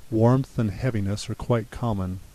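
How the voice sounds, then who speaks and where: A man calmly leading a guided relaxation exercise in a soothing, unhurried manner. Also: lowish voice. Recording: steady hiss behind the voice.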